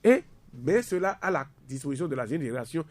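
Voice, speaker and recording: A university lecturer in his fifties, appearing as a guest in a radio discussion, talks quickly in a sing-song, somewhat high, slightly mellow voice. He's emphatic and likes repeating words for stress, and the audio has no echo.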